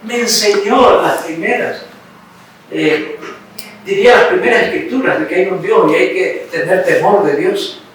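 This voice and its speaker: High-voiced Ecuadorian preacher in echoey hall. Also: male voice, a little slow. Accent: Ecuadorian Spanish. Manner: storytelling, checks in with listeners with "¿sí?" and "¿no?". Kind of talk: sermon with personal testimony. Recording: very echoey room, mic far off, faint hiss.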